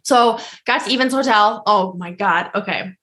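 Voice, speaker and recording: A young woman hosting a podcast, telling a story in casual chat, rambling and animated, laughing often. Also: mid-range voice, moderate pace. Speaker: podcast host.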